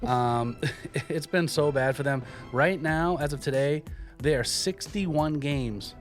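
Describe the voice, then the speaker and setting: A man's voice: a little high, slow pace. Jokey man hosting over music. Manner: jokey, informal. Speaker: sports podcast host. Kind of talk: casual sports banter.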